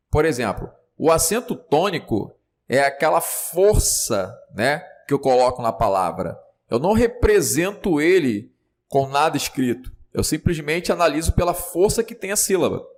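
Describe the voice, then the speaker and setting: A man with a Brazilian Portuguese accent teaching a grammar lesson in a chatty classroom style, often checking in with his students. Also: a little high.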